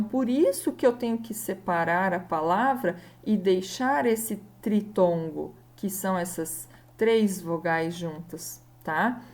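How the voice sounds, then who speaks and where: A woman's voice: mid-range voice, darkish tone. A woman teacher, patiently explaining a grammar lesson and spelling out letters one at a time. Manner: patient, slow, spells out letters and checks in often.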